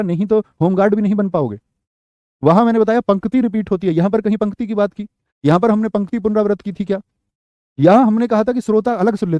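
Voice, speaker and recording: A man's voice: high voice, warm tone, no echo, highs cut off. A young man teaching a Hindi grammar class for exam students, quizzing them with repeated questions and calling them brother and friend. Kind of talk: online exam-prep class lecture.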